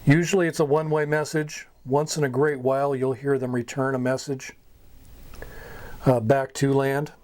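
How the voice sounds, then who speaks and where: An American amateur radio hobbyist gives an informal explanatory talk aimed at teaching beginners. He has a mid-range, darkish-toned voice with a flat delivery and a moderate pace.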